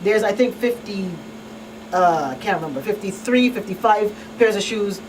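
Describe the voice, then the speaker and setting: Animated and slightly mellow, this medium-pitched female host of a live call-in show talks at a moderate pace. She works as a talk show host and crisis counselor, speaking emphatically and conversationally and checking in with "you know what I mean." A distant mic picks up faint background noise.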